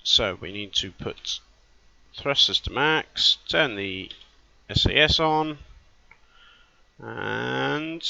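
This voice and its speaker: A man's voice: mid-range voice, drawn-out words, creaky, pauses often, sharp tone, no echo. A man giving casual let's-play commentary, thinking aloud as he plays and often correcting himself mid-sentence. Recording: dull lo-fi recording.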